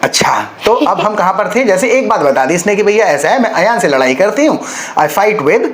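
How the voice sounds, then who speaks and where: A man's voice: sits high, very animated, a little fast. A man teaching a spoken-English lesson, patiently explaining and checking in with his learner.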